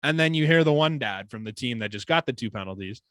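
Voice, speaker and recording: A young man from Canada co-hosting a sports podcast, telling stories in a casual, animated way with some swearing. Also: fast talker, no echo. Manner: animated storytelling, swearing, lively pitch swings. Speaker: podcast co-host. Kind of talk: casual chat.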